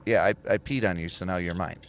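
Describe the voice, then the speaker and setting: A man's voice: deep voice, quick pace, clear, resonant tone. A man hosting a casual livestream, chatty and laughing often as he reads viewer comments aloud. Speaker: livestream host and truck driver trainer.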